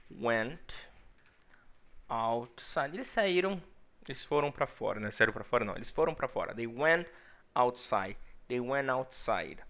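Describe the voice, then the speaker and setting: Gravelly teacher drilling English slowly. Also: male voice, mid-range voice, a bit bright. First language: Portuguese. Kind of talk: language lesson explaining English in Portuguese.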